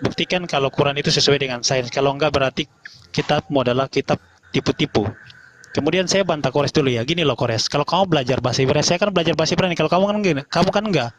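A man in a heated online debate, lecturing combatively and spelling out words slowly to make his point. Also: a little high.

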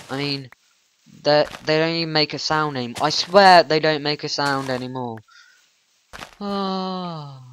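A man talks through his game in a slow, meandering way, his voice bright and forward. He grumbles and mocks himself as he plays, and a faint hiss sits under the recording. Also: medium pitch. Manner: flustered, grumbling, self-mocking. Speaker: gaming channel host. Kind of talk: rambling let's-play commentary.

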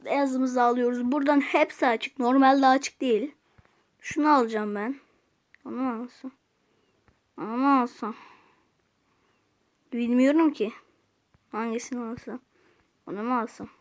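A woman's voice: fairly high pitch, fairly even intonation, measured pace, long pauses. A woman giving casual gameplay commentary, chatting to viewers and muttering to herself as she plays. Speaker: gaming youtuber.

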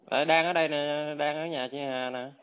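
A man's voice: a little high, steady tone, moderate pace, clear, resonant tone, no echo. A man arguing on a phone call, defiant, dismissive and taunting. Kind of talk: heated phone argument. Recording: tinny phone line, dry.

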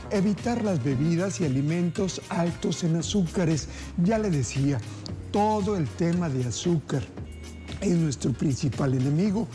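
A man in his forties hosting a TV cooking show from a studio kitchen, chatting upbeat and folksy to viewers as family. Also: fairly high pitch. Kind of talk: TV cooking segment, addressing viewers. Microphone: lapel mic.

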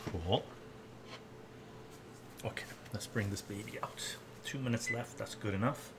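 With a lowish voice and measured pace, an older man cooks in his home kitchen on a live stream, relaxed and chatty as he reads the chat aloud. The camera sits at a distance, and the audio is very noisy with dishes and cutlery clattering.

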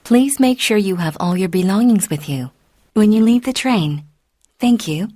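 A woman reading a prerecorded train station announcement in a slow, deliberate, formal manner. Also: medium pitch, animated, mellow, no room sound, clean studio sound. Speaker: subway announcer.

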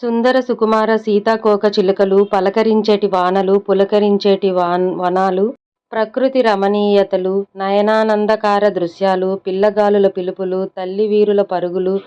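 A woman's voice: medium pitch, little pitch movement, unhurried, dark tone, clean tone, lightly acted. Woman voicing a devoted young village-loving girl. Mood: rapturous. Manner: earnest, poetic. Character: kind-hearted young woman who loves village life. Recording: dull lo-fi recording.

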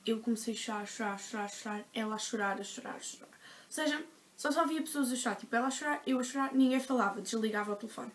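A teenage vlogger with a European Portuguese accent tells a story to her viewers. Her voice sits a little high, and she talks in a chatty, dramatic rush, peppering her sentences with fillers. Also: fast talker. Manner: chatty, dramatic retelling with frequent "tipo" fillers. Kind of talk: casual storytelling to camera.

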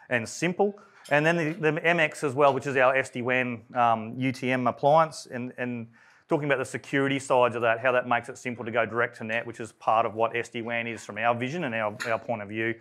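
Fast-talking Australian man presenting. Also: medium pitch. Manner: rapid, conversational, with many fillers and restarts; self-described monotone. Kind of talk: technical presentation. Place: event room.

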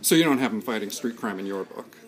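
A man's voice: fairly low pitch, expressive, quick pace, slightly rough, rough recording. A man interviewing a comic creator in a shop, asking mock-serious, teasing questions. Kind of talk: joking interview.

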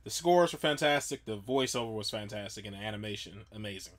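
A man hosting a reaction video, chatting casually to viewers with a low-key, laid-back delivery. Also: animated, fast talker. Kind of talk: casual chat to camera.

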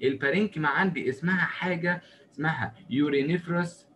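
A man with an Egyptian accent giving a recorded lecture, drawing as he goes and asking and answering his own questions in a lively, joking way. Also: a little high, fast talker, dull audio, a little hiss or hum. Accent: Egyptian Arabic. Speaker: medicine lecturer.

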